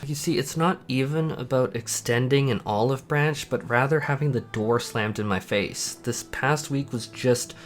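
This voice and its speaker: A sad, dejected man talking casually and candidly in a personal vlog, halting and emphatic as he confesses his feelings. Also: medium pitch. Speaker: content creator, channel host.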